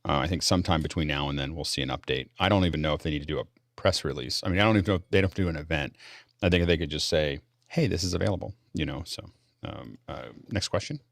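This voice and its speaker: A man with an extremely low, gravelly voice hosts a casual tech Q&A. He talks quickly and off the cuff. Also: dry recording, studio quality. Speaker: host of a panel show.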